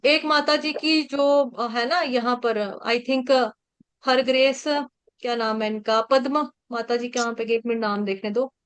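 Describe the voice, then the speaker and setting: A woman's voice: fairly high pitch, fairly even intonation, unhurried, clear, resonant tone. A woman teaching an online scripture class, patiently breaking verses into syllables and chanting them for students to repeat. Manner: patient, coaching pronunciation syllable by syllable.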